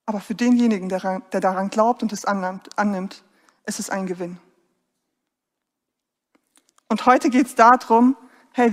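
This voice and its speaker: Woman preaching in a reverberant hall. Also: mid-range voice. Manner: earnest, emphatic, with direct questions to the listeners. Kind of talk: sermon.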